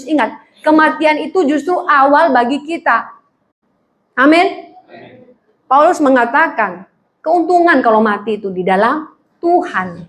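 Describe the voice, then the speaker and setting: Woman pastor, high voice, middle-aged, playful sermon, acts out quotes. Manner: humorous, animated storytelling with acted-out quotes.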